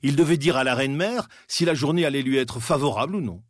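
A man giving scripted documentary narration in a measured, dramatic storytelling manner with pauses. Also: medium pitch. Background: faint background music.

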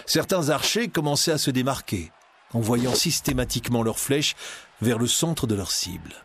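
A man narrating a children's storybook in a dramatic, expressive reading. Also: medium pitch, normal speed, breathy edge.

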